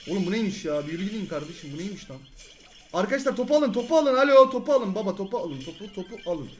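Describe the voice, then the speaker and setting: Young guy yelling over his game, rattles off repeated words, faint music behind. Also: high voice. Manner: rapid, excitable, shouts at teammates, repeats words. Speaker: gaming channel host. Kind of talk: excited live gameplay commentary.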